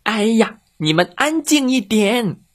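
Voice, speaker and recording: A man's voice: high-pitched, very animated, takes it slowly, voice pushed up, full character voice. A man voicing a learned cat teacher who gets flustered, speaking in a raised, prim voice. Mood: shrill. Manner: prim, shrieking when upset.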